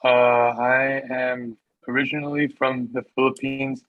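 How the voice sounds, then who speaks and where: A man's voice: mid-range voice, flat delivery, a little slow. A young man from Las Vegas introduces himself in an easygoing way. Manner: easygoing, light laughs. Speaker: new student. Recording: dull lo-fi call audio.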